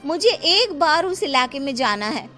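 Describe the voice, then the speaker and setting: High-pitched, naive young kinnar played by a woman. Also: sing-song, a little slow, fairly bright tone, faint music behind, exaggerated voice. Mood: curious. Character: naive, curious, beautiful young kinnar Shakti. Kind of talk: dramatized Hindi story acting.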